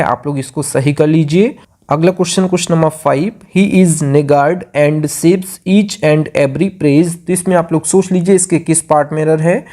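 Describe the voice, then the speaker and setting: A man with an Indian accent teaching an exam grammar lesson, repeating each rule step by step and reading example sentences slowly. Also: a little high, darkish tone. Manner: repetitive, drills rules step by step.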